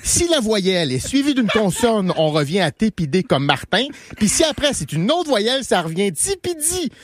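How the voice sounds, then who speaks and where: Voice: medium pitch, sing-song, moderate pace, background noise. A radio host with a Québécois accent giving a comic mock lesson in a playful, mock-teacherly way, laughing through the rules. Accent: Québécois French.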